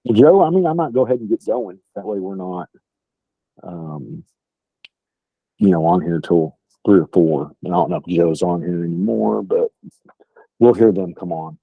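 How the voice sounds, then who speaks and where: A man's voice: sits low, moderate pace, pauses often, husky, no echo. A middle-aged man with a thick West Texas accent, giving an informal, folksy training talk on a call. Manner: folksy, plain-spoken. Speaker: sales trainer. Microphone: phone or online call. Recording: dull lo-fi call audio.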